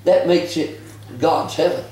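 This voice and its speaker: High-voiced preacher, echoey church. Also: male voice, unhurried. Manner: animated Southern preaching, shouts and chuckles. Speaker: visiting preacher. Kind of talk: sermon. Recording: echoey church recorded from far off.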